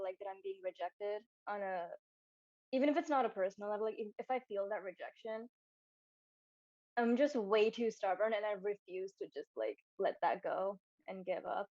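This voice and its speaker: A young woman who works as a storyboard artist answers interview questions candidly over a video call, using "like" as a filler many times. Her medium-pitched voice is a little mellow, and the recording sounds dull and dry.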